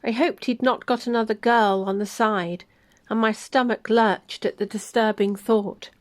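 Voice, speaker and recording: A woman reads her own first-person love story aloud. She tells it gently and expressively, in a somewhat high voice. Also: steady tone, measured pace.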